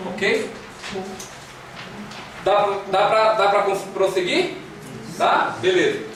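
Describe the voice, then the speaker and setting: High-voiced Brazilian man teaching in an echoey room. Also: slow pace, fairly bright tone. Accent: Brazilian Portuguese. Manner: drills students in chanted syllables, coaxing and repetitive. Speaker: Greek teacher. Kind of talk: classroom lecture. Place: classroom with echo. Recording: echoey room, distant mic, faint hiss.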